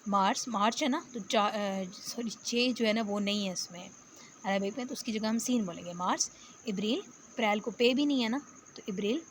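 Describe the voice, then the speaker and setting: Woman teacher, patient, step-by-step explanations, slow repetition, faint crickets behind. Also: medium pitch, slight background noise. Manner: patient, explains step by step and repeats words slowly. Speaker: Arabic teacher. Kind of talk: spoken lecture.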